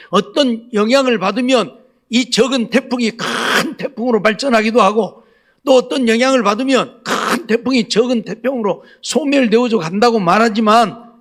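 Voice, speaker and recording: A man's voice: high voice, fairly bright tone. A male pastor preaching a Sunday night sermon, asking the congregation rhetorical questions again and again. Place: church sanctuary.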